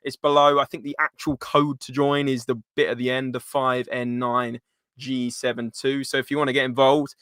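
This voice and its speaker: A man's voice: medium pitch, little pitch movement, moderate pace, fairly bright tone, smooth, no echo, studio quality. A man hosting a casual live football chat in informal, matey slang. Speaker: live stream host.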